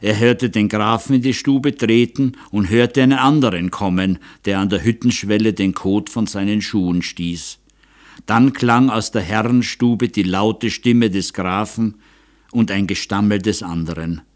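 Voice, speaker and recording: A man reading an audiobook in a measured, dramatic way. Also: lowish voice. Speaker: audiobook narrator. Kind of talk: scripted narration.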